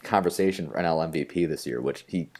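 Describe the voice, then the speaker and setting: Rambling enthusiastically about baseball with plenty of fillers, this young podcast co-host keeps the chat casual. He's a fast talker with a bass voice and a darkish tone.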